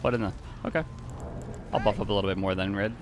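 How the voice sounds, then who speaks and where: A man's voice: on the low side, steady tone, quick pace, a little hiss or hum. A man giving casual, playful commentary over his own gameplay, chuckling often and greeting the players he meets. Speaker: gaming YouTuber.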